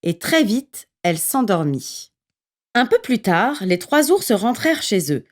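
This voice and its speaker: A woman narrating a children's story in an expressive, lively reading voice. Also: medium pitch, measured pace.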